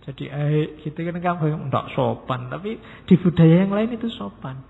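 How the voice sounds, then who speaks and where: A middle-aged man, giving a relaxed, joking philosophy lecture to students and slipping in words. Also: a little high, normal speed, creaky. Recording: tinny phone-like sound in a long-reverb hall.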